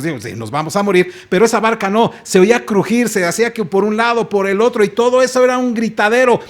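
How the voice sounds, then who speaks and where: A Mexican pastor preaches in a church with a high-pitched voice. He tells the story dramatically, stopping to put questions to his listeners. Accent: Mexican Spanish. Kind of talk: sermon.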